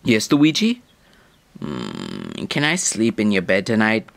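A young performer voicing a bossy, excitable older brother in a home toy movie, talking in a squeaky, strained, scolding way. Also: slow, vocal fry, no room sound, heavily acted.

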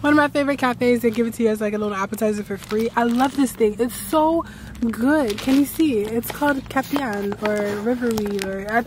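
A tired woman in a rambling, excitable casual vlog to camera, recorded outdoors at night on a handheld phone after a long ride. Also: on the high side, background noise. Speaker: travel vlogger.

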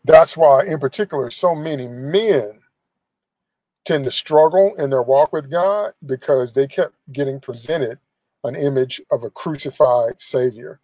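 A man's voice: mid-range voice, unhurried, mellow, no echo, poor audio. Middle-aged male preacher, emphatic and repetitive, phone-recorded in a car, dry close sound. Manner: emphatic, repeats phrases for emphasis, gestures with his hand. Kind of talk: live-streamed sermon. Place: inside a parked car. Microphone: phone camera at arm's length.

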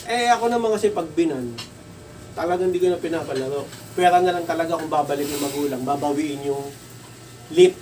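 High-voiced Filipino man telling shop stories. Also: a little fast. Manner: animated, acts out dialogue in raised voice. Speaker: computer shop owner. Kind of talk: casual storytelling vlog. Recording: distant mic with faint background noise.

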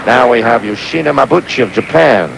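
A man's voice: medium pitch, animated, fairly quick, gravelly. A man giving live sports commentary on an old, noisy outdoor broadcast. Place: outdoor diving stadium.

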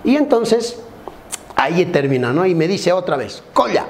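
A Bolivian man telling jokes, playfully acting out characters in squeaky voices. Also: very animated, measured pace. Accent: Bolivian Spanish. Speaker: comedian. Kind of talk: stand-up joke telling.

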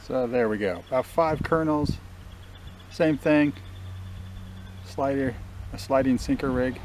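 A middle-aged man talking casually to the camera on a riverbank, in a relaxed, matter-of-fact way with small restarts. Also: mid-range voice, a little slow, slight background noise. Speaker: fishing vlogger. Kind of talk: casual outdoor commentary. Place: riverbank outdoors. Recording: faint outdoor nature ambience.

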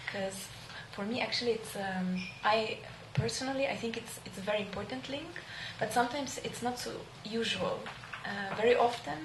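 A woman's voice: medium pitch, vocal fry. Woman moderator, echoey room. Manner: chatty, many fillers, earnest. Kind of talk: panel discussion. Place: small indoor event room. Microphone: handheld mic. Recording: echoey room with background noise.

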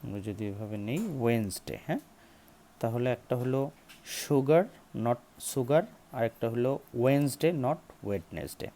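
In a spoken English lesson, a man with a medium-pitched, dark-toned voice teaches pronunciation. He spells out words slowly, drills each one by saying it several times, and asks his viewers questions.

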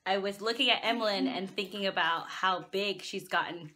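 A woman's voice: mid-range voice, normal speed, sharp tone. A woman in her twenties chatting casually and playfully to a phone held at arm's length. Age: 20s. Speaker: vlogger. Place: small indoor rooms and parked car. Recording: noisy handheld phone recording.

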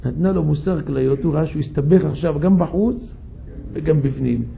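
Male rabbi, storytelling sermon, animated, high rough voice, phone-like sound. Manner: animated, questions the audience. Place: synagogue.

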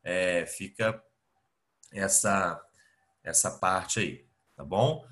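Brazilian guy teaching english on a video call, lowish voice but bright, lots of fillers, takes it slow. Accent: Brazilian Portuguese. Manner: patient, explaining step by step with many fillers. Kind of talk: online class lecture. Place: home, remote video class. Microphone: computer mic on a video call.

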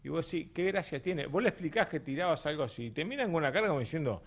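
Animated Rioplatense man joking on air. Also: on the high side, racing. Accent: Rioplatense Spanish. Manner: animated, joking, rambling with restarts. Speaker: morning show co-host. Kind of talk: casual chat.

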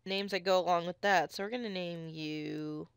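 A woman giving chatty, excitable commentary on her own gameplay into a close mic, with sudden squeals when something catches her eye. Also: fairly low pitch, moderate pace, creaky, clean tone, no echo. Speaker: let's play gamer.

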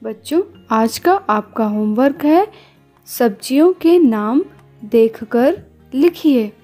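A woman teaching a recorded online lesson to young children, with slow, drawn-out, sing-song prompts and repeated questions. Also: fairly high pitch, lively intonation, warm tone, soft background music. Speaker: kindergarten teacher.

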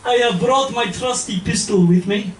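A man's voice: very high-pitched, normal speed. A man putting on a boastful Soviet comedian with a fake Russian accent, performing live. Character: pompous Soviet male comic, boastful. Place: small comedy club stage. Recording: roomy club, far from mic, crowd noise.

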